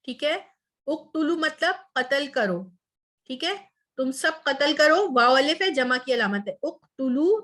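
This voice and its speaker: High-voiced woman teaching an online class. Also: fairly bright tone. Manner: explains step by step, says "ठीक है" often. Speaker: Quran Arabic teacher.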